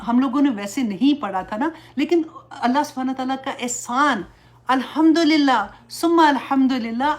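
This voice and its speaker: Earnest woman preacher, pleading tone. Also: fairly high pitch. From Pakistan. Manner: earnest and pleading, mixes in English words. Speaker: religious teacher. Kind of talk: religious lecture.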